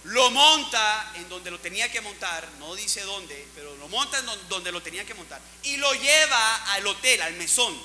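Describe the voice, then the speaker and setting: A male pastor preaches in a high, piercing bright voice, rising and dropping sharply as he acts out the figures of the story. His words ring through a reverberant church hall while faint music plays underneath. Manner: preaching with dramatic swings, acting out Bible characters. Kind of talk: sermon.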